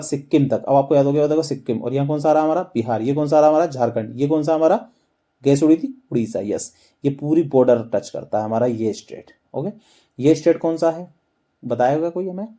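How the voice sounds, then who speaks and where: A man's voice: on the high side, dark tone. A man teaching a map lesson, quizzing listeners with repeated questions and then answering them himself. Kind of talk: explaining a map lesson with memory tricks.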